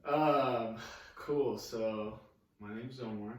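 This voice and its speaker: A man in his twenties chatting casually as a podcast guest, relaxed and swearing freely. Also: medium pitch, drawn-out words, heavy reverb, far from the mic, low-quality recording. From Saudi Arabia. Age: 20s. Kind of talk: casual chat.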